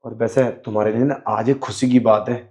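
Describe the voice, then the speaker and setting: A man's voice: mid-range voice, fairly even intonation, fairly quick, dark tone. A man in a scripted skit, playing a sleazy man who pretends to be blind, talking in a sly, wheedling way. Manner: sly, wheedling, keeps saying "you know". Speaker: actor in a short skit.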